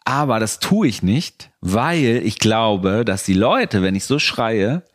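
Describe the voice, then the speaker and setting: A middle-aged man co-hosting a podcast in casual chat, animated, quick to protest and correct the story. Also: lowish voice. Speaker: podcast co-host, dog trainer.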